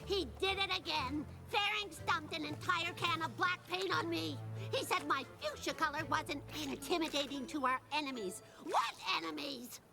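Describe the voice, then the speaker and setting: A very high, showy pony magician. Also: female voice, normal speed, creaky, hardly any pauses, over loud music. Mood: indignant. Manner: theatrical, boastful. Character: boastful showy young female pony magician. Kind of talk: cartoon voice acting.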